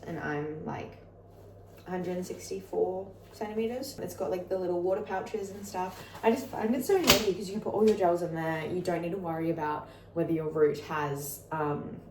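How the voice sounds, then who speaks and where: A woman's voice: fairly low pitch, a little mellow. A young woman chatting informally to camera in a casual vlog style. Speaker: vlogger. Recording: echoey, distant microphone, noisy background.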